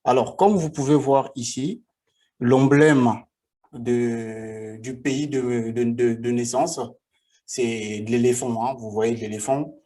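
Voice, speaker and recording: A man in his forties from the Republic of the Congo, speaking. He tells his own life story in a vlog, halting often and repeating himself. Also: mid-range voice, fairly even intonation, dark tone. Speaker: vlogger.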